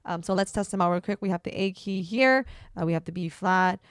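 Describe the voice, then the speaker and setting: A woman's voice: fairly low pitch, a little fast, smooth, dry recording. A young woman, a streamer, chatting through a casual product review with lots of fillers and an upbeat manner. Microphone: desk microphone.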